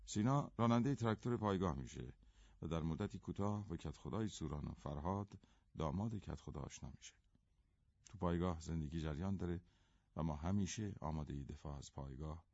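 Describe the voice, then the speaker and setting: A man giving scripted story narration in a measured storytelling manner. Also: low voice, darkish tone, no echo, dull audio.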